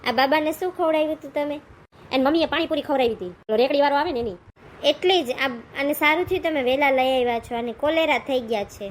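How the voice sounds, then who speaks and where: A woman playing a brisk doctor who gives instructions in a comedy skit. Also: high-pitched, a little hiss or hum, lightly acted. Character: brisk, advising village doctor.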